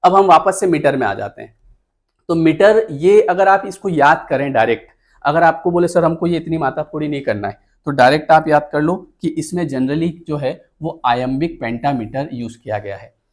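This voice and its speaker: Male tutor, exam-prep lecture voice-over, talks through slides step by step, counts items aloud, pitch a bit high. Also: animated, normal speed. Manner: explains step by step with frequent "है ना?" check-ins; counts items aloud while pointing at the screen. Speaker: teacher.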